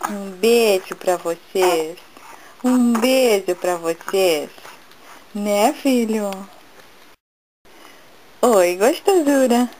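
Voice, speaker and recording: Woman cooing to her baby, slow and soft. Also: medium pitch, background noise. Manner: soft, affectionate baby talk. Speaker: mother.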